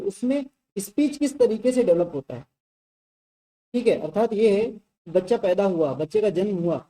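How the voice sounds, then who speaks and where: A woman's voice: medium pitch, warm tone, rough recording. A woman teacher giving a conversational exam-prep lecture, checking in with listeners often and explaining through spoken examples.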